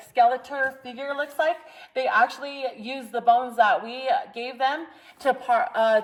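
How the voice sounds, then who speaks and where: Lady tour guide in a cave, high voice, big cave echo, kinda far off from the mic. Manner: casual, chatty, gives safety reminders. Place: inside a large cave. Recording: echoey cave voice from a distance, faint noise.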